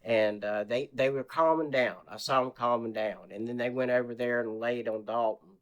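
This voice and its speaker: A man's voice: mid-range voice, normal speed, clean tone. A man being interviewed on a podcast, rambling as he retells a memory and acting out what people said in a raised voice. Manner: animated retelling, acts out quotes in a raised voice; rambling, many restarts and fillers. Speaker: interview guest. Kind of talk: casual storytelling.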